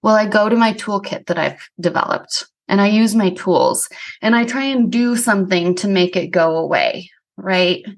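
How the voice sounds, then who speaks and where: A woman's voice: medium pitch, moderate pace. A woman hosting her own podcast, talking earnestly and casually through a reflective personal monologue, with frequent "like" fillers. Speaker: podcast host; somato-emotional release practitioner.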